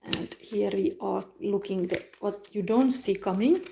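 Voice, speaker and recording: A woman reads tarot cards live, her voice mellow and warm at a middling pitch. She talks in a soft, musing way, pausing on hums and restarting her phrases as she turns each card. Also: vocal fry, slight background noise. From Finland. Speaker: tarot reader.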